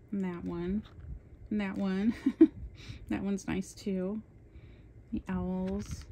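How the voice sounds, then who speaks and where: A woman chats with enthusiasm, in a casual show-and-tell, about the coloring books she bought. Her voice sits at a middle pitch, and clear background noise runs under the home recording. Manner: chatty, enthusiastic, admits talking fast. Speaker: coloring channel host.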